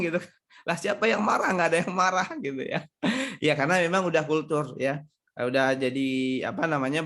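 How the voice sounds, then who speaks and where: A man's voice: a little high, a bit bright. A man from Sumatra giving a casual online seminar on marriage, reading out audience questions and answering them conversationally.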